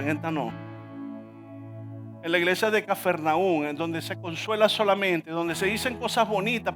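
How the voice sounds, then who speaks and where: A male pastor preaching a sermon in church, emphatic, often asking the congregation to repeat words after him. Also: sits high.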